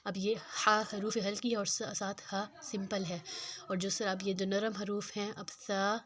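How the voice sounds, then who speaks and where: A woman teaching Quran reading, speaking slowly and repeating sounds and words to show the difference between them. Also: medium pitch, little pitch movement, a bit bright. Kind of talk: slow patient tajweed lesson.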